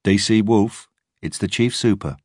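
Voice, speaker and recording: A man voicing a female detective chief superintendent who gives brisk orders with a teasing edge. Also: fairly low pitch, a little mellow, husky, dry recording, studio quality, voice pushed up. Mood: wry. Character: woman detective chief superintendent, dry and commanding.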